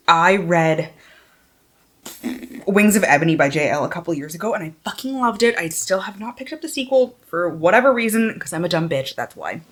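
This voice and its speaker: A book vlogger with a lowish voice chats casually to her viewers, informal and self-deprecating. At times she swears or reads blurbs aloud.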